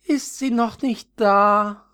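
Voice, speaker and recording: A man reading a storybook, voicing a young violet flower who sighs with longing in a high, drawn-out voice. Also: steady tone, bright, forceful tone, clear, resonant tone, heavily acted. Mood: yearning. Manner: sighing, wistful, drawn-out.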